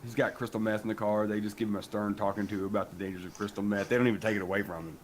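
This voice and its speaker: A man's voice: fairly low pitch, flat delivery, very fast, slight background noise. Joking young Appalachian man. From rural Appalachia. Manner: joking, rambling, swears freely. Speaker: podcast co-host. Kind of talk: casual chat.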